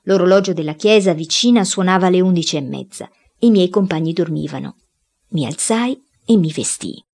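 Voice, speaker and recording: Husky woman reading a story aloud. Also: fairly low pitch, normal speed, darkish tone. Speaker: reader. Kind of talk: audiobook reading of a boy's first-person diary.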